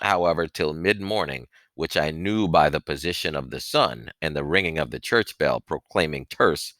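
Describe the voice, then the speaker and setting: A man with a lowish voice reads a novel aloud in expressive first-person narration, phrasing things deliberately and dramatically with emphatic stresses. He's close on a headset mic with no room sound, working as an audiobook reader and book-reading host.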